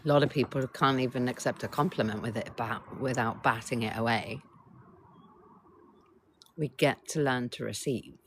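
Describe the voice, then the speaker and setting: Blunt, gravelly-voiced woman coach. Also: very deep voice, moderate pace, long pauses, a little hiss or hum. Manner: blunt and swearing, keeps prompting the chat. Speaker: coach and live-stream host. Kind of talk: casual live-stream talk to viewers.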